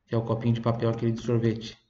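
A man gives an online language lesson, slowing down to repeat each word and phrase so viewers can say it after him. His voice sits at an ordinary middle pitch, picked up by a desk microphone in a roomy space with a slightly dull sound. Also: completely flat delivery, dark tone. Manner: patient, repeats phrases slowly for learners to copy. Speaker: Italian language teacher.

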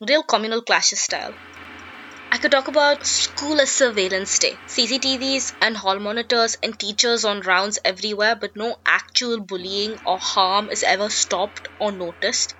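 A young Indian woman reads a scripted personal essay in an articulate, sharply political and wry manner, her medium-pitched voice bright and forceful at a normal speed. The recording is dull and lo-fi, with a little hiss or hum.

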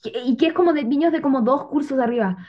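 A young woman telling a funny story among friends, animated and laughing as she goes. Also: high voice, fast. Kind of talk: casual chat. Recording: dull lo-fi sound with faint noise.

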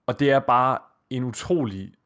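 A man's voice: mid-range voice, a bit bright. Enthusiastic male podcast co-host. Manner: enthusiastic, quick, rambling analysis. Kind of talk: casual chat.

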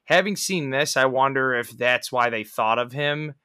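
A man's voice: mid-range voice, moderate pace, bright, forceful tone, clean tone. A man hosting a podcast, talking casually and animatedly about films and quoting lines in little put-on voices. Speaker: podcast host. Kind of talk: casual film discussion.

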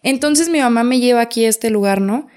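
A young woman with a Mexican accent, telling her experiences in a casual, lively interview and acting out what people said. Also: on the high side, a little fast. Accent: Mexican Spanish. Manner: lively, acts out quotes, frequent fillers. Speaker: guest.

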